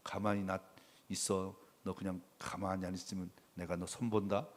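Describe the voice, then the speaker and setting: A pastor doing God as a gruff street-tough protector. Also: male voice, low-pitched, level tone, normal speed, long reverb tail, voice pushed down. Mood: threatening. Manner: blunt, slangy street-tough threats. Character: God as a gruff male protector threatening bullies.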